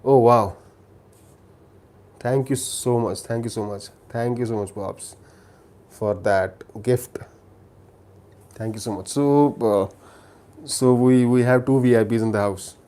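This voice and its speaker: Slow and mellow, with frequent pauses, a mid-range male voice with a Telugu Indian accent chats casually on a livestream about films to watch. He often repeats words and restarts his sentences.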